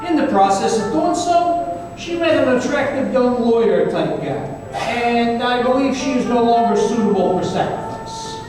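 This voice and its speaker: A man acting as a wisecracking detective in a live radio play recounts a supernatural gunfight, his high voice swinging widely in pitch at a normal pace, amused, wry, and chatty, with music underneath. This old-time storytelling was performed in a reverberant hall. The recording is very echoey, with faint noise and a mic placed far away.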